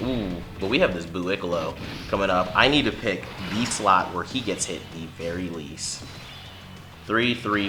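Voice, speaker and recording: A man casually commenting on his own mobile game run, talking to himself and his viewers as he plays. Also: on the low side. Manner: chatty, mutters to himself, bursts loud at big hits. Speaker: gaming channel host.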